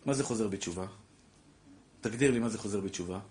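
A middle-aged man, a rabbi giving a lively Torah class who preaches through rhetorical questions and calls his listeners fondly. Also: on the low side, a little hiss or hum. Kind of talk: animated Torah lecture.

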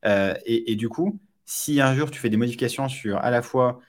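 A man's voice: medium pitch, normal speed. A man speaking as a guest on a casual podcast interview, talking with many fillers and restarts. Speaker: startup founder guest.

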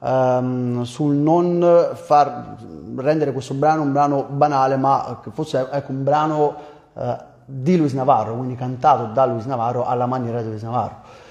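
Man, Neapolitan accent, mellow dark tone, conversational interview guest, hesitant explanations, roomy echo. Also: mid-range voice, steady tone, normal speed, lo-fi sound. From Campania, southern Italy. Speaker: singer and guest. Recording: roomy, echoing sound.

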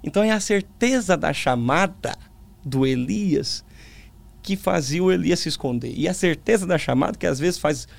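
Casting: Brazilian male preacher, gravelly fry, lisped sibilants, thoughtful conversational delivery with emphatic repetition. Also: fairly high pitch, animated, normal speed. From Brazil, small town in the interior. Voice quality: tongue-tied lisp, slurred sibilants. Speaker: preacher, interview guest. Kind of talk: conversational religious testimony.

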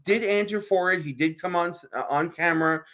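A man's voice: sits high, fairly bright tone. A man co-hosting a sports talk show, making emphatic points and often asking "right?". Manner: fast, emphatic, fills with "right?".

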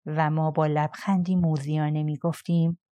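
A woman narrating an audiobook in a calm, measured scripted reading. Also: low voice.

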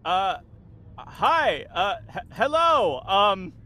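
A friendly, awkward droid crew member with a high, bright, lively voice that stammers through polite greetings, as a man plays it. It is a tabletop game character voiced in casual play. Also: extremely slow, heavily acted. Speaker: player.

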